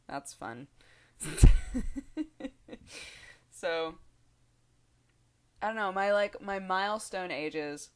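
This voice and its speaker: A woman's voice: low voice, clean tone. A woman in her twenties talking casually to the camera in a rambling vlog, chatty and giggly, full of fillers and restarts. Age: 20s. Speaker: video blogger.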